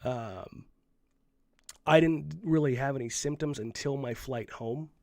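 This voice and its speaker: A man's voice: mid-range voice, measured pace, darkish tone, dry recording, clean studio sound. Recovering sick man hosting a podcast. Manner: frank and rambling, with many restarts. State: still a little sick. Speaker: co-host. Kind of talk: casual sports podcast chat. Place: at home while isolating. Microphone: own microphone, muted between coughs.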